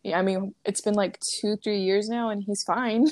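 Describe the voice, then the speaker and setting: A young woman co-hosts a podcast in relaxed, rambling chat. She fills her sentences with likes and laughs easily. Her voice sits mid-range and sounds dry and close. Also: medium pitch, moderate pace, no room sound. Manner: rambling, laughs often, many fillers. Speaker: podcast co-host. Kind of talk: casual chat.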